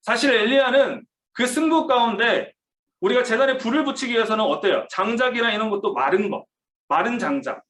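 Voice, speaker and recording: A man's voice: high-pitched, a bit bright. A man preaching a youth sermon, telling the story vividly, asking the listeners questions and acting out the quotes. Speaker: youth pastor. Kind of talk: sermon to teens over video call. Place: church room. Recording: roomy, distant mic.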